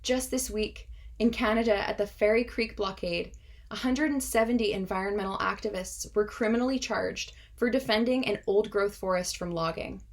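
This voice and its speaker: Here a twenty-something native Russian speaker with a mid-range voice presents a prepared speech. The tone is impassioned and earnest, the pacing measured.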